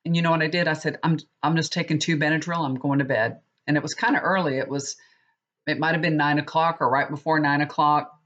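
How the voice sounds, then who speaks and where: A middle-aged tarot reader from Texas rambles through a casual vlog chat, sniffling from a cold and restarting herself often. Her voice sits low, steady, fast, and fairly bright, captured in dull lo-fi sound.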